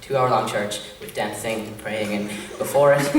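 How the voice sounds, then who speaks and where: A young Irish man doing live stand-up, chatty and rambling with filler pauses, recorded far from the mic in an echoey club. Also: lowish voice, fairly even intonation. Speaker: stand-up comedian. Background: crowd laughter and room noise.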